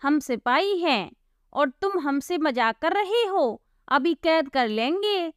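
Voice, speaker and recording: A woman's voice: high-pitched, expressive, slow, dry recording, studio quality, voice pushed up. A woman doing stern accusing royal soldiers. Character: gruff male royal soldiers.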